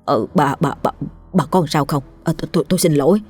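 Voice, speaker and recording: A woman's voice: sits low, a little fast, soft background music. A woman voicing a jumpy, guilt-ridden middle-aged father who stammers when caught. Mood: flustered. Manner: stammering, flustered.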